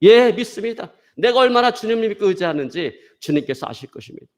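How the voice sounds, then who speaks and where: A desperate man clings to a branch over a cliff and screams for help in a strained, high voice, as a pastor acts him out in a sermon story. He sounds panicked and begs anyone to save him. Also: steady tone, fast, natural voice. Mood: pleading. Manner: shouting for help, pleading.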